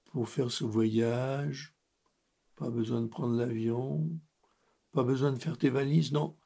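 Male storyteller for a hypnotic children's story; gravelly, husky, calm and guiding. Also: medium pitch, takes it slowly. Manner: soft, calm, guiding, speaks directly to the child.

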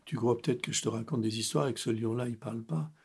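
A man telling a calm, hypnotic story for children, softly guiding the listener. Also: mid-range voice, fast, vocal fry, breathy edge. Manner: soft, calm, guiding, speaks directly to the child.

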